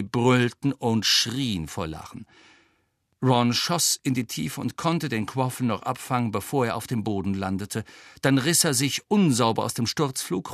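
A man reading a novel aloud as an audiobook narrator, with expressive storytelling. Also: medium pitch, no room sound, clean studio sound. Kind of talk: scripted narration.

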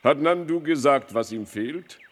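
A sly, mysterious court marshal. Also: male voice, on the high side, lively intonation, measured pace. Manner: smooth, evasive, appears suddenly. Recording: long reverb.

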